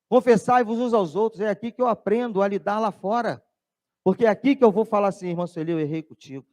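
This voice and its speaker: A man preaching a sermon as pastor, animated, dropping his voice low when he tells a story. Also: fast talker, highs cut off. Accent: Brazilian Portuguese. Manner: animated preaching, drops voice low to tell stories.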